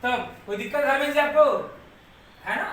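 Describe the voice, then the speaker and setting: Echoey far-off male teacher, bright tone. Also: very high-pitched, brisk. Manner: patient, repeats steps, keeps checking students follow. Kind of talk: live online grammar class. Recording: very echoey room, voice far from mic, faint background noise.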